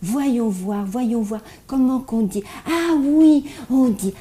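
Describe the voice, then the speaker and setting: Telling a Bible story to kids, a woman plays a happy, eager little puppet child whose heavy stutter makes it repeat words over and over. She speaks slowly in a warm, fairly high voice.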